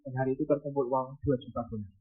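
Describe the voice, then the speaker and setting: A man preaching a sermon as pastor, telling a story with shouted bursts and hushed drops. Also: medium pitch, quick pace, husky. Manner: animated, shouting bursts then dropping to hushed. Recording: tinny phone-like sound.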